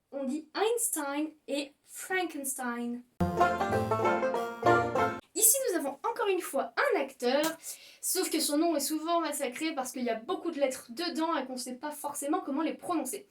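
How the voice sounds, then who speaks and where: A playful young woman hosts a casual explainer video, her voice sitting high and bright. She stresses the mistakes with mock horror. She sounds a little far from the mic, with faint music underneath. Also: expressive, normal speed. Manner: playful, emphatic, exaggerates mistakes. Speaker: YouTuber teaching pronunciation.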